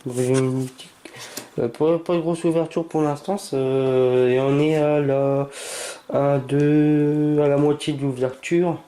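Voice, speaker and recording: Taking it slowly, a man gives laid-back commentary while opening trading cards for his YouTube channel. He reads each name aloud, trips over words, and lets out excited cries, yet stays hushed instead of shouting because it's nighttime.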